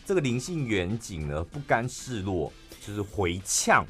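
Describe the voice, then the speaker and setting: Man, Taiwanese Mandarin accent, podcast co-host, casual news retelling, deep voice, faint music behind. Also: unhurried. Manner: chatty, frequent filler particles, animated retelling.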